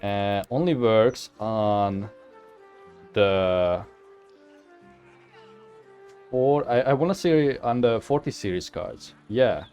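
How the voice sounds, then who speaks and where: A man's voice: fairly low pitch, slow pace, long pauses, a little mellow, clean tone. A man giving casual, rambling game playthrough commentary in an informal way, often correcting himself. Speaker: gaming video host. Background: faint music.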